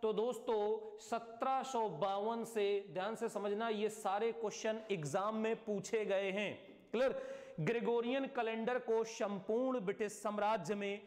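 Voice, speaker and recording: A male teacher giving a live online class lecture, often repeating key words and checking "clear?". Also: sits high, steady tone, measured pace, darkish tone, long reverb tail.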